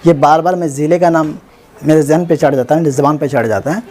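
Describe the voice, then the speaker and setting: Guy with a pretty high voice teaching urdu writing, spells words out slow, keeps saying "theek hai na". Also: a little mellow. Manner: informal, self-correcting, many "theek hai na" check-ins. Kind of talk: online writing lesson.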